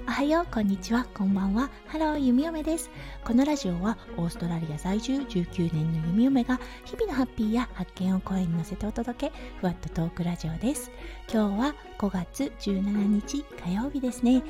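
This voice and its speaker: A woman with a hoarse, slightly raspy voice from overuse, chatting through a casual solo audio diary as a host. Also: mid-range voice, lively intonation, fairly quick, warm tone. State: hoarse from overuse, sore throat. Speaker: podcast host, anaesthetic nurse. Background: background music.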